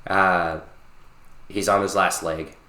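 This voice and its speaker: A man in his late twenties co-hosting a podcast, retelling a game story in a casual, animated way and swearing freely. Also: deep voice, slow, reverberant. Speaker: podcast co-host. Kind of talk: casual chat.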